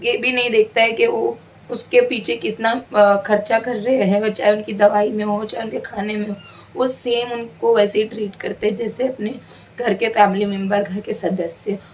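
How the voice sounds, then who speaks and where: A woman's voice: medium pitch, flat delivery, moderate pace, a little hiss or hum. Chatty woman vlogging at home. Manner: chatty, emotional, talks to viewers directly. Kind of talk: casual home vlog chat. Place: at home indoors. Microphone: phone camera.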